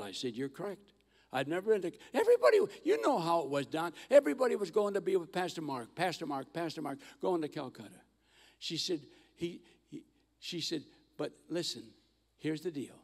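An older man telling mission stories in a sermon on a church stage, animated and acting out the voices of the people in his stories. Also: sits high. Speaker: guest missionary speaker. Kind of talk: storytelling sermon. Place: large church auditorium stage. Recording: long hall reverb.

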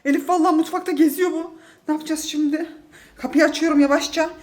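A woman's voice: high voice, steady tone, fast talker, darkish tone. A mother in her thirties filming her kids at home, flustered and laughing as she urges them on. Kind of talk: casual family vlog. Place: apartment home indoors.

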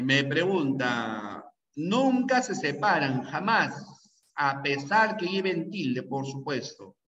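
A man's voice: a little high, a bit bright. A male language teacher giving a classroom lecture, repeating rules again and again and checking in with students. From Peru. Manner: repeats key rules over and over, drilling students; asks frequent checking questions. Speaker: pre-university language teacher. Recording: echoey room, distant mic, dull sound.

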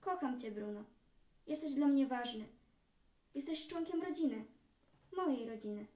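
A woman's voice: high-pitched, moderate pace, dark tone, close to an everyday voice. A woman reading the lines of an earnest young boy who guards a cave, in a storybook reading. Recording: echoey hall from far off.

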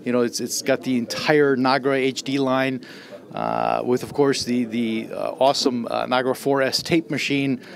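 A man's voice: medium pitch, expressive, moderate pace, creaky. Middle-aged guy from austria rambling eagerly into a handheld mic at a trade show, lots of uhs and restarts. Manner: eager, rambling, with many fillers and repeated starts. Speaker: audio writer and guest. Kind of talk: casual spoken introduction to camera. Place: trade show demo room. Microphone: handheld mic held close.

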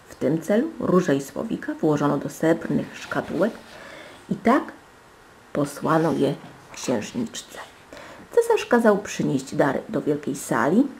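A woman reading a fairy tale aloud with dramatic, animated storytelling and soft hushed asides. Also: low voice, creaky, a little hiss or hum. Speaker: storybook reader.

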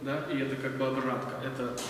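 A man in his forties speaks with a medium pitch and an entirely flat delivery at a quick pace, with background noise behind him. He's preaching a sermon at a lectern in a bright, large-windowed church hall, conversational, full of fillers, and asking the audience questions. The echoey hall is heard from far off, recorded via a lectern stand mic and filmed from afar.

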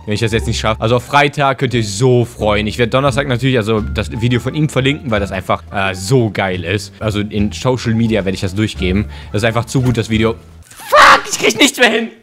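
A man talking casually over his gameplay as a gaming YouTuber, his voice hoarse and strained, excitable and slangy. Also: lowish voice, fast talker, few pauses, faint music behind.

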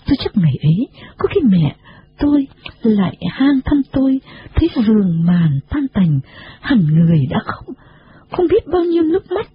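Expressive female storybook narrator, dramatic, slightly high, lo-fi. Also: moderate pace. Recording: dull lo-fi recording.

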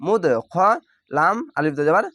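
A man teaching Quran reading, spelling out each syllable and then drawing the word out slowly. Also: on the high side, fairly bright tone, no echo. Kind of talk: step-by-step spelling lesson.

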